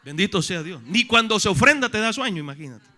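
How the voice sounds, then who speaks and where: A male pastor delivering a sermon in a high, bright voice. He asks rhetorical questions, addresses listeners as brother, and alternates between loud emphatic stretches and low, quiet ones. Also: sing-song, fast talker.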